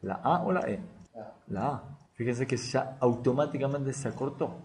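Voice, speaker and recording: A man's voice: mid-range voice, lively intonation, moderate pace, a little mellow, a little hiss or hum. A man teaching a lesson on a religious text. He reads passages aloud, then explains them and puts questions to his students.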